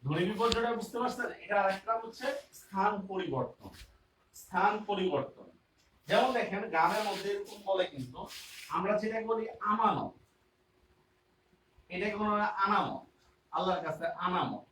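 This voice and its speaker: A man teaches a grammar class in a fairly high voice, repeating each term and checking often that the students follow. He sits some way from the mic in a roomy space. Faint ambient noise runs underneath. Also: lively intonation, brisk, fairly bright tone, far from the mic.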